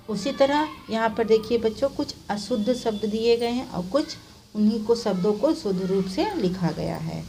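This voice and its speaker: A woman teaching children at a very slow, deliberate pace. She says each word, then repeats it the correct way, and often ends a point with a quick "okay." A faint noise runs under the voice, and her pitch sits in an ordinary middle range. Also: dark tone, poor audio. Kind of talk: slow classroom explanation of spelling.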